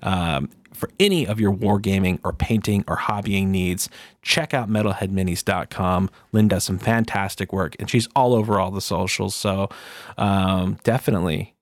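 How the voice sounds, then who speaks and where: A man's voice: low-pitched, steady tone, normal speed, dry recording. A man talking casually and earnestly as the host of a solo podcast, close on the microphone.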